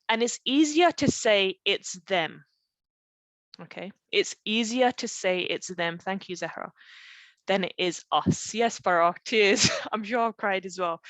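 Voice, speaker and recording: A middle-aged parenting coach leads a live online group session in a conversational webinar style, speaking a little slowly with lively intonation, a somewhat bright tone and an ordinary female pitch. She explains things step by step through personal stories, often checking in with "okay?" and rhetorical questions. The sound is dry and close, with no room echo.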